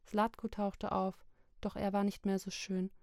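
Slow, even-voiced woman narrator. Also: medium pitch, creaky, dry recording, studio quality. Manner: slow, measured, even reading. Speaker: audiobook narrator. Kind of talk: scripted literary narration.

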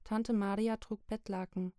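A woman narrating a literary book chapter in a slow, measured, even reading. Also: medium pitch, no room sound, clean studio sound. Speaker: audiobook narrator.

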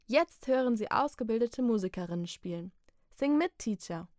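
A woman reader voicing a nervous young female violinist friend who speaks quickly and anxiously. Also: medium pitch, no room sound, studio quality, close to an everyday voice.

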